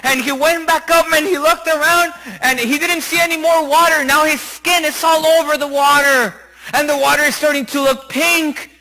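A man preaching a sermon, retelling a Bible story with animated, acted-out voices. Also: very high-pitched, normal speed, low-quality recording. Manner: animated, acts out characters' voices.

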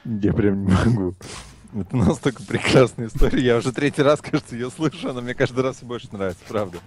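A man's voice: mid-range voice, fast, a little mellow, faint music behind. A man chatting casually as a stream co-host, a bantering sidekick who relays comments from viewers. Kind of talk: casual chat.

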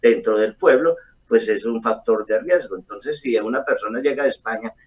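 A middle-aged man, a doctor, explaining calmly over a video call with frequent hesitations. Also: medium pitch, normal speed. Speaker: doctor guest. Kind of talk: explanatory interview answers. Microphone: webcam on a video call. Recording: distant video call audio.

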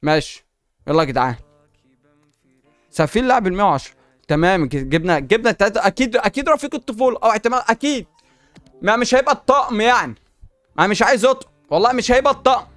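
A man with an Egyptian Arabic accent giving excited commentary while opening packs in a video game, exclaiming and talking back to the game. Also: sits high, no echo. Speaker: gaming YouTuber.

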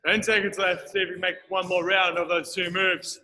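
A man's voice: high-pitched, level tone, a little fast, pushed and bright. A man coaching a live workout, encouraging the group and counting down the time. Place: large gym studio.

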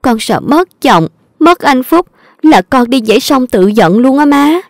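A woman's voice: high voice, lively intonation, measured pace, no room sound, clean studio sound. A woman with a Southern Vietnamese accent voicing a scheming young daughter-in-law who whines and pleads. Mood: complaining. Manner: whiny, pleading. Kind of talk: audio drama reading.

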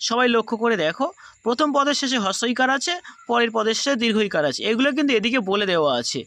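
A man's voice: extremely high pitch, expressive, fast talker, a bit bright. A man teaching a grammar class, explaining the rules patiently and going over each step again. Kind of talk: recorded class lesson.

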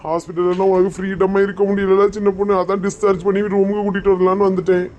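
A man with a Kanyakumari Tamil accent playing a soft-spoken young man who fawns and pleads. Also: high-pitched, little pitch movement, fast, lo-fi sound, a little hiss or hum, lightly acted. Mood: coaxing. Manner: coaxing, pleading.

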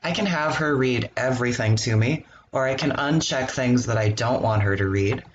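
Give me a man at a middle pitch walking through a software tutorial, relaxed and plain, with faint noise behind. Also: moderate pace, dull audio. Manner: relaxed step-by-step explaining with ums. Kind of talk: screen-recorded software walkthrough.

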